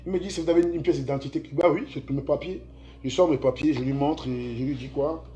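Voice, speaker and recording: A fairly high-voiced man from Cameroon with a Cameroonian French accent hosts a livestream. He mocks and taunts in an animated way, repeating his own phrases for effect. His talk comes in quick, loose bursts. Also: lo-fi sound. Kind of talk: mocking livestream chat with sung taunts.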